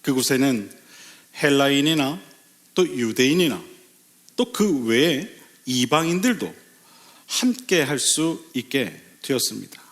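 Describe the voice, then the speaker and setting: A male pastor giving a Sunday sermon in a church, asking the congregation questions and lifting his pitch to stress key phrases. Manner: lively, asks the congregation rhetorical questions; sudden pitch lifts for emphasis, slows on key phrases. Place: church sanctuary.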